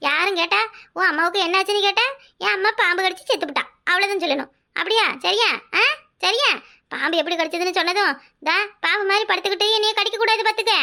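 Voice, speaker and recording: In this comic cartoon voice acting, a performer plays a scheming, bossy older village mother with a Kanyakumari Tamil accent, coaxing and theatrical. The voice is extremely high-pitched, fast, creaky, pushed and bright, and heavily acted.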